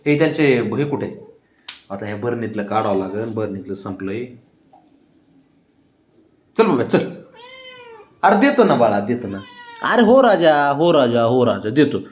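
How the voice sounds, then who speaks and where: A man's voice: mid-range voice, sing-song, a little slow, pauses often. A man casually talking to his pet cats at home, coaxing them with affectionate baby talk. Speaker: pet owner vlogger.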